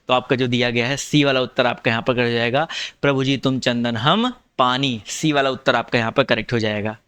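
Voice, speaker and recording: A man's voice: mid-range voice, bright, forceful tone, smooth, no echo. A man teaching an exam-prep lesson with an eastern Uttar Pradesh or Bihar Hindi accent, explaining patiently, repeating points and calling his students brother.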